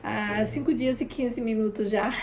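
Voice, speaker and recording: Woman telling her prayer testimony, talks right to her listeners, kinda raspy fry, echoey room. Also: fairly high pitch, fairly even intonation, measured pace. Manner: chatty, keeps addressing listeners, re-enacts conversations. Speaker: intercessor sharing a testimony. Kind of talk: informal testimony in a prayer broadcast. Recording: roomy echo.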